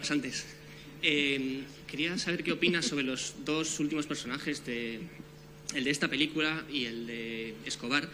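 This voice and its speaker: A man's voice: a little high, steady tone, measured pace, pushed and bright, slight background noise, low-quality recording. A man putting an informal question at a press conference.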